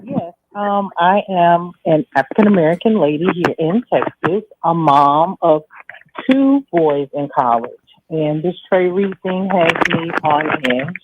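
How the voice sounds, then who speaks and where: A female caller speaking over the phone to a radio show, earnest and measured, with frequent ums. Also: on the low side, expressive, heavy background noise. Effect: over the phone, muffled at first. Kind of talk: call-in radio talk.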